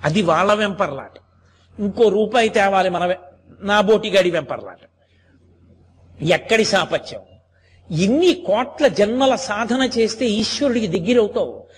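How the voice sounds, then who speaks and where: A man's voice: sits high, animated, moderate pace, pauses often, slight background noise. A man giving a devotional sermon in an emphatic style, with many rhetorical questions and repeated phrases. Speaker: spiritual discourse speaker.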